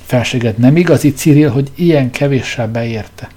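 A man's voice: medium pitch, warm tone, close to an everyday voice. A man voicing a greedy reproachful patriarch.

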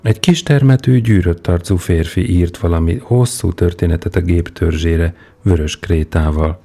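Deep, gravelly male storyteller. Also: warm tone. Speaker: narrator. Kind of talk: audiobook narration.

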